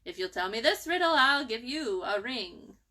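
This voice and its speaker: Woman voicing Nutkin, a bright, singsong cheeky squirrel. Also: on the high side, animated, normal speed. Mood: taunting. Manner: singsong, taunting rhyme chanting. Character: cheeky, rude young male squirrel chanting riddles.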